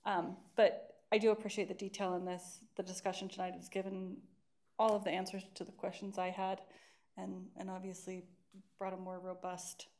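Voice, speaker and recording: Woman speaking with braces, slightly creaky voice. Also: medium pitch, a little mellow. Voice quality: speech affected by braces. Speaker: committee member at a public meeting. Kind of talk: informal meeting remarks.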